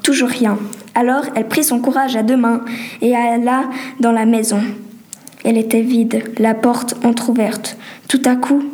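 High-voiced woman reading a story. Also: little pitch movement, a little slow, darkish tone. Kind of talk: reading a homemade story aloud.

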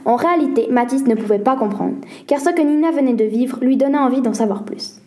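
A woman reading a children's mystery story aloud as a steady, even narrator. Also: high voice, fairly quick.

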